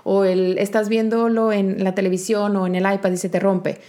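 Calm woman, mellow voice. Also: medium pitch, moderate pace. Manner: calm, explaining with examples. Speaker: child psychotherapist guest. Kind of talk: explanatory interview talk.

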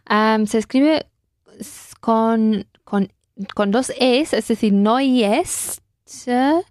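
A woman's voice: a little high, slow, no room sound, clean studio sound. A woman teaching German in Spanish, patiently repeating phrases and correcting her student. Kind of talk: language lesson in Spanish.

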